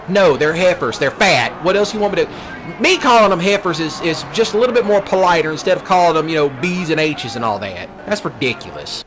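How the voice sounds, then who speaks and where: A slightly high, somewhat bright male voice with a bit of hiss or hum on the recording belongs to a young Mississippi man with a Southern US accent. He rants and rambles through a let's play in a casual, joking, self-deprecating manner, with game music and vehicle sounds in the background.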